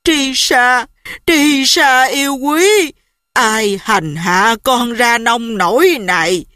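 A woman's voice: on the high side, extremely slow, bright, forceful tone, no echo, clean studio sound, exaggerated voice. A woman voicing a tender, horrified grandmother. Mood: dismayed. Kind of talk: audiobook character voice.

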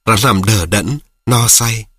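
Man, storybook narration, husky voice, dry close sound, steady pace. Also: on the low side, slow, dry recording. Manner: steady, addresses listeners directly. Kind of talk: scripted narration of a children's story.

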